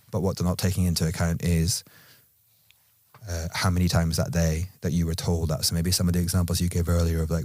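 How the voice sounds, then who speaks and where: A man from Scotland with an Edinburgh Scottish accent, chatting casually on a podcast with dry, teasing humor and measured explanations. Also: low voice, a little mellow, dry recording. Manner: thoughtful, measured when explaining.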